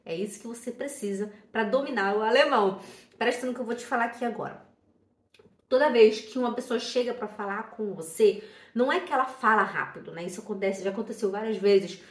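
A Brazilian woman teaching German, talking casually and telling stories with lively quoted asides and frequent "né?" tags. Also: mid-range voice. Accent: Brazilian Portuguese. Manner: lively storytelling, quotes herself and others, many "né?" tags. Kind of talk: casual spoken lesson to camera. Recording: echoey room.

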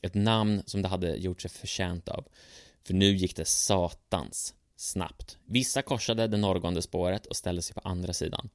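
A man's voice: deep voice, fairly even intonation, no room sound, studio quality. A man narrating a scripted history story with a sardonic, ironic manner.

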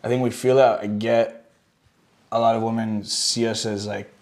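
A young man as a podcast guest in casual chat, relaxed and measured, trailing off with fillers while he eats spicy wings. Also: fairly low pitch.

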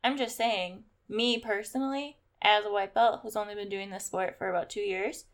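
A young woman co-hosting a casual podcast, telling stories in an animated way and quoting people, her voice a little sore from yelling. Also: mid-range voice, moderate pace. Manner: animated storytelling, quotes herself and others. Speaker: podcast co-host. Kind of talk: casual chat.

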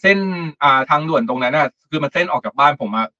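A man's voice: medium pitch, fast talker, sharp tone, highs cut off. A man co-hosting a casual morning radio show, a chatty storyteller who laughs often.

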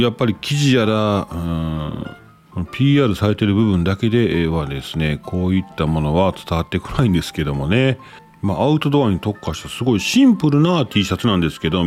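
A chatty man hosts a casual talk show, his fairly low voice rising and falling in a lively way. He rambles and corrects himself as he reads listener letters aloud. Faint music plays behind him. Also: brisk. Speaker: podcast host. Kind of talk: casual radio-style chat.

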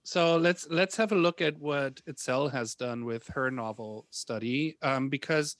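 A man's voice: medium pitch, measured pace, fairly bright tone, no echo, studio quality. A man co-hosting a casual podcast with fellow teachers, steering the talk with questions. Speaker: teacher co-host.

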